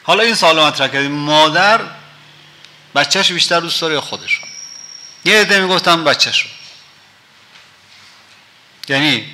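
A man's voice: on the high side, bright, forceful tone. A man giving a conversational lecture, telling stories, quoting poetry and asking rhetorical questions. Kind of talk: storytelling lecture with quoted poetry.

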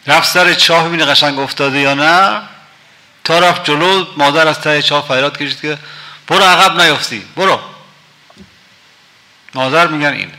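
A man's voice: on the high side, bright, forceful tone. A man giving a conversational lecture, telling stories, quoting poetry and asking rhetorical questions. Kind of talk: storytelling lecture with quoted poetry.

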